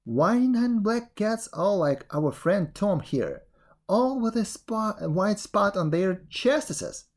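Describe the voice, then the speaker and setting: Woman reader doing a wide-eyed sexton spinning a spooky yarn, slow and animated. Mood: excited, eerie. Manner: breathless storytelling, rising pitch, wondering. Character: excitable middle-aged male village sexton. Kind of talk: storybook reading.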